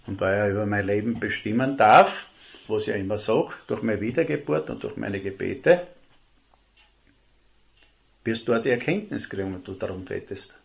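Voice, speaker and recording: A man preaching a sermon, earnest and emphatic, slowing down to stress key words. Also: lowish voice, gravelly. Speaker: lay preacher. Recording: dull lo-fi recording.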